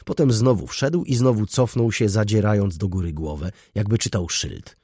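Husky, low-voiced male narrator. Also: moderate pace, warm tone, no echo, clean studio sound. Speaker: audiobook narrator. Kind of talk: scripted narration.

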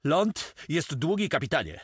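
A rough, eager pirate sailor barks in a voice pushed higher than a normal man's, as a male narrator puts him on. He is quick to obey and blunt with others, and the dry, close audiobook reading keeps him right up front. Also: big pitch swings, no echo, exaggerated voice. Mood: urgent.

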